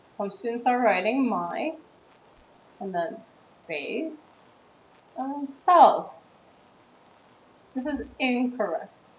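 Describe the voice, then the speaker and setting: Woman teacher in her thirties, from the USA, patient and deliberate, recorded in a roomy space with a dull, slightly muffled sound. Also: medium pitch. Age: 30s. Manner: slow, patient explaining with stressed words. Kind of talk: classroom writing lesson. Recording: dull, roomy recording with faint background noise.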